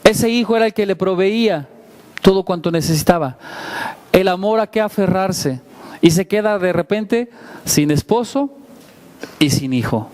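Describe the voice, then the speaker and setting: A man delivers a sermon in a fairly high-pitched voice. He preaches in a conversational way, asking his congregation questions and joking about his own stumbles. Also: lively intonation, normal speed, long pauses, a little mellow. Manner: self-deprecating asides. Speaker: pastor.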